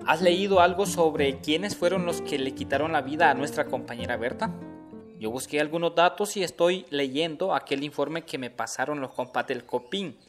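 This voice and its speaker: In a radio drama set to plucked guitar music, an actor voices Juancho, an earnest Honduran activist chatting colloquially with a comrade. His voice sits on the high side at a normal pace, lightly acted, with an earnest, informative mood in this conversational scripted dialogue.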